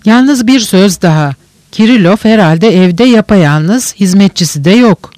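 A male audiobook reader voicing a sly, cheerful young male schemer who talks smoothly and needles his listener. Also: sits high, expressive, unhurried, darkish tone, no echo. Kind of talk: audiobook character reading.

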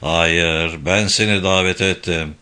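A man's voice: low-pitched, fairly even intonation, slow, sharp tone, smooth, voice pushed down, exaggerated voice. A man reading an audiobook voices an easygoing, playful man courting a woman. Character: grinning, easygoing man about town.

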